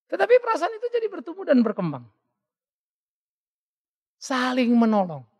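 Animated gravelly preacher man. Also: very high voice, moderate pace, long reverb tail. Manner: animated, acts out quoted voices. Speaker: pastor. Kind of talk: sermon. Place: church hall.

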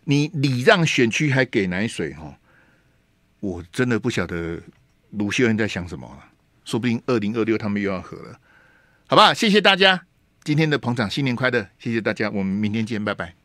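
Taiwanese radio host guy, lively up and down voice, pushy rhetorical questions, dry studio sound. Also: on the low side, brisk, dry recording. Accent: Taiwanese Mandarin. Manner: emphatic, rhetorical questions, slips into Taiwanese Hokkien words. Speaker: radio talk show host. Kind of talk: political commentary monologue. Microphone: studio microphone.

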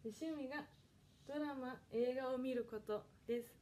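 A woman in her twenties from Kanagawa, Japan, hosts a casual solo livestream from her home as an idol audition livestreamer. Her high voice is mellow and moves at a moderate pace, with slight background noise. She chats politely, reads viewer comments aloud, and apologizes often.

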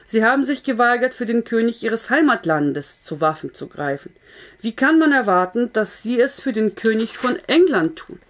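A stiff, formal old village vicar, read by a woman, courteous and measured. The voice sits a little lower than the reader's own storytelling tone, in a storybook setting. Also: sing-song. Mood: solemn.

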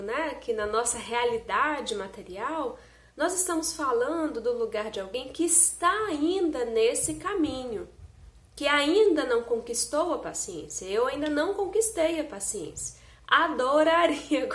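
Young woman, spiritist lecture, slightly high voice, earnest explaining tone, phone mic, echoey room. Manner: earnest, explanatory, speaks directly to viewers. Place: indoor room at home. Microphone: phone camera close up. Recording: roomy echo.

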